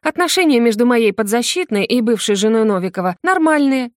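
A woman's voice: on the high side, lively intonation, dry recording, clean studio sound, voice pushed up, natural voice. A woman voicing a sly, mocking defense lawyer in an audiobook reading. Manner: mocking, cool and measured. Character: sly female defense lawyer, the narrator's ex-wife.

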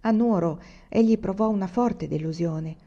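A woman narrating a novel in a measured, unhurried audiobook reading, on a dull lo-fi recording. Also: mid-range voice, warm tone. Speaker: audiobook reader.

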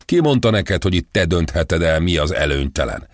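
A man's voice: lowish voice, very animated, no room sound, clean studio sound, pitched above the performer's own voice. A man voicing an arrogant, flamboyant male fashion designer in an audiobook, scornful and hot-tempered. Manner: scornful, irritated, shouting.

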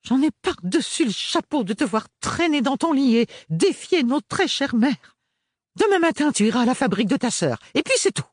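A man reading an audiobook, voicing a bossy middle-aged mother who scolds in a shrill, furious way. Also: sing-song, normal speed, dry recording, clean studio sound.

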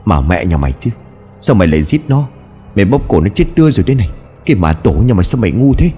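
A man's voice: fairly low pitch, very animated, very fast, warm tone, breathy edge, soft background music. A man voicing a domineering, scheming old father who curses and barks orders. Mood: furious. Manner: barking orders, cursing.

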